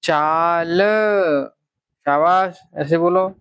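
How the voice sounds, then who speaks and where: A man teaching a children's phonics lesson at an unhurried, deliberate pace, stretching each syllable long. His voice sits a little high for a man and sounds dry and close. He keeps prompting his young learners to say the sounds back loudly. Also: fairly even intonation, clean tone, no echo, dull audio. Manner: slow, drawn-out syllables, coaxing children to repeat aloud.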